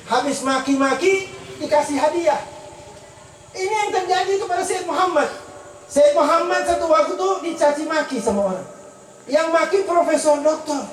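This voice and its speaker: A high-pitched man preaches with emphasis, repeating phrases and firing rhetorical questions at his listeners. His voice comes from some way off the mic in an echoey space. Faint ambient noise hangs behind him. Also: recorded from a distance. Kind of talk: sermon.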